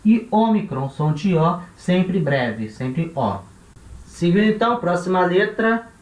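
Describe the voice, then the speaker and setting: A man with a Brazilian Portuguese accent teaching a language lesson, slowly repeating each letter and its sound and checking in with tá and né. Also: high-pitched, sing-song. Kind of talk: classroom-style lesson. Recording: echoey room.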